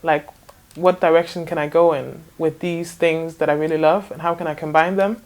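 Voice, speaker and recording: A woman's voice: deep voice, fairly even intonation, normal speed, a little mellow. Hesitant young woman in her twenties. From Denmark. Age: 20s. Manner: hesitant, many ums and restarts, laughs often. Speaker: interview guest, fashion designer. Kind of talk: casual interview answers.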